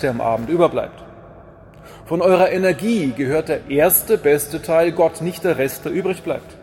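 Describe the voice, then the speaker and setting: Guy preaching a sermon, kinda high voice, punchy rhetorical lines and little jokes thrown in, faint hum behind. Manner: lively, rhetorical, with wry asides and repeated refrains.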